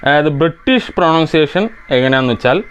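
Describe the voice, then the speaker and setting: Brief: male electronics repair host from India, quick and methodical, smooth clear voice. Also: on the high side, animated, fairly bright tone. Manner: methodical, explains step by step. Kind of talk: answering viewer comments, technical explanation.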